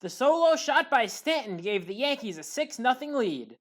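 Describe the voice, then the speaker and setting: A woman with a fairly high voice reads scripted play-by-play, recapping the action in a sports highlights segment. Her pitch swings widely and her pace is normal.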